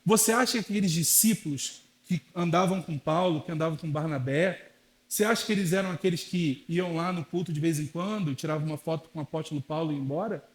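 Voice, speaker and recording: A man's voice: on the high side, quick pace. A young adult man from Brazil, a pastor preaching a sermon in a conversational way, acting out quoted voices.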